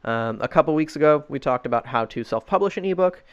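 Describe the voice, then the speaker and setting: A man's voice: on the high side, expressive, smooth, lo-fi sound. Easygoing male podcast host. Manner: easygoing, measured, with frequent ums. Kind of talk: casual podcast chat.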